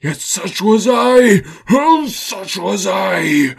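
A tormented ghost bound in chains wails and moans in a high, gravelly, breathy voice. He drags every word out slowly, heavy with remorse. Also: sing-song, full character voice. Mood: anguished. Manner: slow anguished wailing declamation.

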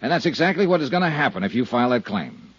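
A man's voice: mid-range voice, sing-song, fast talker, breathy edge, no echo. An actor playing a blunt, world-weary male insurance investigator in an old radio drama, narrating in clipped, sardonic tones. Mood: accusing. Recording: dull lo-fi old radio broadcast.

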